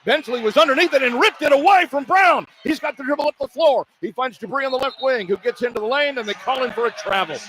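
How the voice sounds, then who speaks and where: A man calls a basketball game live on radio from courtside in an arena, describing the action in clipped running phrases. His voice is extremely high, a bit bright, and fast, with hardly any pauses. The audio is poor, with arena noise clearly audible behind him.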